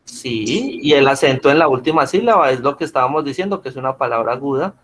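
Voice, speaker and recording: A man's voice: medium pitch, lively intonation, fast, fairly bright tone, slight background noise. A man teaching an online class over a video call, patiently checking in with his students after almost every point. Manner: patient, checks in with frequent questions.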